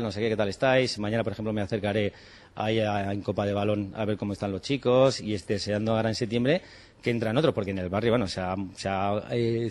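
A man's voice: on the low side, a little mellow. A man in his forties from Spain, a chef and cooking teacher, talking casually and animatedly, acting out bits of dialogue and swearing in passing. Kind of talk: casual interview talk.

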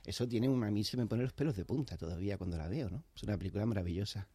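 A man's voice: on the low side, very fast, breathy edge, no echo. A man, a novelist guest on a radio show, talking in a chatty, reflective way and laughing easily. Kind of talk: radio interview. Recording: soft music playing underneath.

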